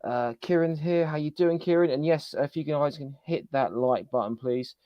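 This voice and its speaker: A man with a fairly high voice hosts a casual live stream, upbeat and chatty as he greets viewers by name. His voice sounds dry and close, with dull, lo-fi stream audio. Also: moderate pace, dry recording. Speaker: podcast host.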